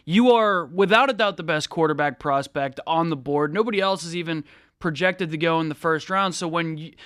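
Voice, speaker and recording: A man's voice: a little high, brisk, fairly bright tone, clear, resonant tone, no echo. A man co-hosting and producing a studio sports talk show, speaking conversationally and often agreeing. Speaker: producer and co-host.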